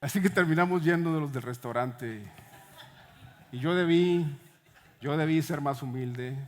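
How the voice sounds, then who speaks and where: A man preaching a sermon, passionate, dropping often into hushed tones for emphasis. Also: a little high, unhurried, slight background noise. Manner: impassioned preaching with sudden drops to hushed tones. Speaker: pastor.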